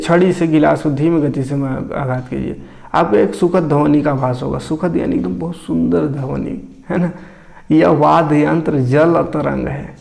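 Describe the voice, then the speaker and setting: Male science teacher, slightly high gravelly voice, reads then explains loosely. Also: a little mellow. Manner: explains textbook lines then retells them in casual dialect. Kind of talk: classroom science lesson.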